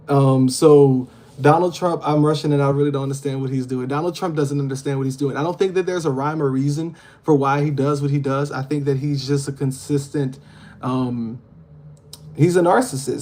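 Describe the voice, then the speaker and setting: A man from Louisiana hosts a casual livestream, reading viewer comments aloud and answering them with frequent ums and uhs. His voice is mid-range and a little mellow.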